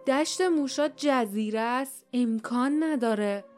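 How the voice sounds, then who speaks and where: A woman voicing a blunt, grumbling grown man in an audiobook, gruff and complaining. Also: on the high side, a little mellow, soft background music, natural voice. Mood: disbelieving.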